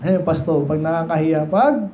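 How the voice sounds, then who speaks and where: A man from the Philippines preaching a midweek sermon and Bible study. He talks to the congregation in a loose, digressive way, asks them questions, and slows down to read King James verses. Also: on the high side, animated. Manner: mixes Tagalog talk with slow King James readings. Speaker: pastor. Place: church. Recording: dull lo-fi church recording with faint noise.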